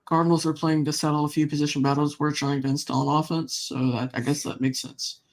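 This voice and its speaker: A man hosting a casual sports podcast, talking fast and rambling with lots of fillers. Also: fairly high pitch, flat delivery. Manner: quick, rambling, with many fillers. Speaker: podcast host.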